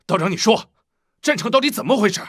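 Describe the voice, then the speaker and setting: A scheming plotter with a bright, tense, husky edge snaps angrily one moment and mutters cold whispers the next. His pitch moves in lively jumps, and the sound is dry and close. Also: moderate pace. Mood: angry. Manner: snapping in anger, then muttering in cold whispers. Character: scheming ambitious male schemer, middle-aged.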